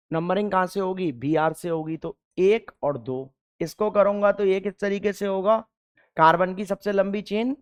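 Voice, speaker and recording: With a slightly high voice and a clean tone, a man teaches chemistry to a class. He asks questions only to answer them himself, and he slows down to repeat the key terms.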